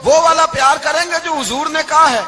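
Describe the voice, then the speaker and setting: A high-voiced man delivers a religious sermon with passion, easing into soft storytelling and then rising to shouts. He slips into slow, chanted verses now and then. A live crowd is clearly heard around him. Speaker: preacher. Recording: live event with audible crowd. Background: audience crowd.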